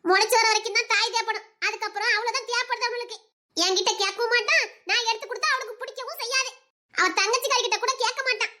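This is a scornful, gossiping mother who is always scheming for her son's sake, as a woman acts her out. She chuckles through her words in a very high, bright voice. It is an audio drama performance. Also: fairly even intonation, fast. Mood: mocking gossip. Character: scheming middle-aged mother plotting for her son.

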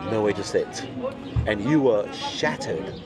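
A middle-aged man's voice, low-leaning and animated, comes slowly as he hosts a casual lunch conversation filmed at an outdoor restaurant table beside a stone wall. He works as a cigar retailer, repeats phrases for emphasis, and music plays behind the talk.

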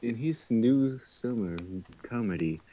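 A man playing an online card game with friends, reading his cards in a slow, reluctant, low-key way. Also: expressive, a crowd in the background, low-quality recording. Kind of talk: casual online game chat.

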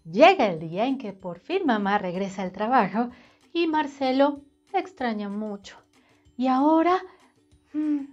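A woman reading a storybook to children in an animated, sing-song way, speaking straight to the child. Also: sits high, dull audio.

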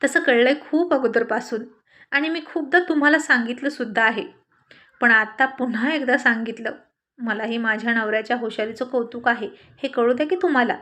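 A bashful young wife who giggles and scolds in turn, as a woman narrator reads her, in a fairly high voice. Her lines come as light storybook dialogue. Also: fairly quick, a bit bright, lightly acted. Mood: playful. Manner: shy, giggly, sometimes scolding.

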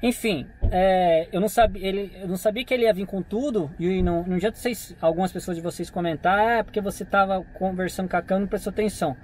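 Fast-talking Brazilian man telling a story. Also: high-pitched, slight background noise. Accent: Brazilian Portuguese. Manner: fast, animated retelling with acted-out dialogue. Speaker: vlogger. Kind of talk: casual storytelling to camera. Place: parked outside a convenience store.

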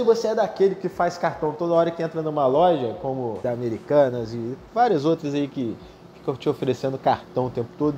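A Brazilian man hosting a finance channel, reading a scripted list evenly and breaking into quick, chatty asides to viewers. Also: on the high side, warm tone, slight background noise. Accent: Brazilian Portuguese. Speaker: YouTube finance channel host.

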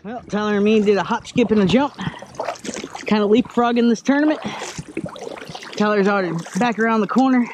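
Fishing from his kayak, a high-voiced vlogger in his thirties talks briskly and pauses often, excitedly coaxing a fish in as he narrates. Music plays in the background of the lo-fi sound. An action camera, mounted on the kayak or handheld, captures him outdoors on the water and at a waterside lot.

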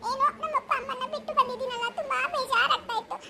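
A woman's voice: very high-pitched, steady tone, rapid-fire, creaky, loud music behind the voice. A woman voicing a timid, weepy young daughter-in-law, complaining plaintively in a comic sketch.

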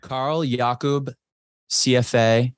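A man's voice: mid-range voice, fairly even intonation, takes it slowly, smooth, dry recording. A young man co-hosting a podcast, talking in a casual, laid-back way on a headset. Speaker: podcast co-host. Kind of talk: podcast interview.

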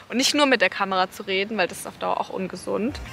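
A woman's voice: mid-range voice, fairly quick, gravelly. A young woman in her twenties chatting upbeat to a handheld camera, outdoors and inside a small car, thinking aloud as she talks. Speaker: travel vlogger. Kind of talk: casual vlog talk to camera.

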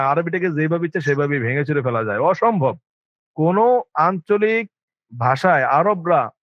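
A man's voice: high voice, dry recording. A man with a Bangladeshi Bengali accent giving an informal lecture on Arabic to students, emphatic and full of rhetorical questions. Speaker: Arabic language teacher. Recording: dull lo-fi dry sound.

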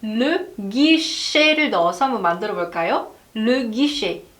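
A woman teaching French phrases to learners, saying them slowly and clearly so they can be repeated. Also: a little high, lively intonation, a bit bright. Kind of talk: language lesson.

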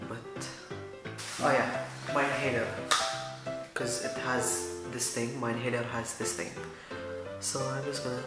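Rambling in a goofy, self-mocking way, a teenage YouTuber from Dubai with an Arabic accent films a casual DIY vlog indoors in a small room. His medium-pitched voice carries heavy reverb, picked up by a close-range camera mic.

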